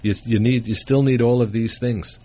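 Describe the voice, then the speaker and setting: A man's voice: medium pitch, steady tone, moderate pace, warm tone. A man hosting a call-in radio show, answering callers in a plain, matter-of-fact way, taped off the radio. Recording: dull radio taping, faint hiss.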